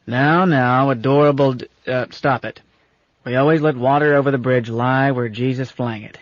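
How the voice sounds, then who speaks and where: A man doing a gruff, folksy old captain. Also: medium pitch, fairly even intonation, normal speed, dry recording, lightly acted. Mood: stern, folksy. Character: gruff, bossy old space captain, affectionate. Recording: dull lo-fi audiobook recording.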